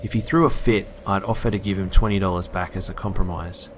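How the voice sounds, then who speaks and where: A man's voice: low-pitched, fairly even intonation, fast talker, a little hiss or hum. A man narrating a horror story in a casual, blunt way, with occasional swearing.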